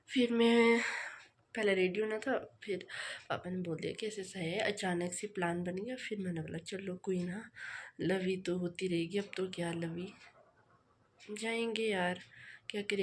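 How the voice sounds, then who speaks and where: A young woman vlogger from the hills of northern India, chatting fast and rambling with many fillers, sounding tired. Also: fairly low pitch, a little hiss or hum. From Himachal Pradesh, India. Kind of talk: casual vlog chat. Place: home.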